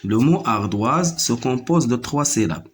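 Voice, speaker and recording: A man's voice: medium pitch, expressive, a little slow, a little hiss or hum. A man teaching French to young pupils, repeating each word several times and counting its syllables aloud. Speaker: primary school French teacher. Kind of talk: slow classroom reading lesson.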